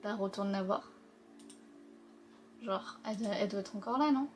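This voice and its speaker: A woman's voice: mid-range voice, moderate pace, a little hiss or hum. A young adult woman chatting through a story game as host, slangy and full of fillers, reading the characters' lines aloud along the way. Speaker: let's-play host. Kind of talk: casual gaming commentary.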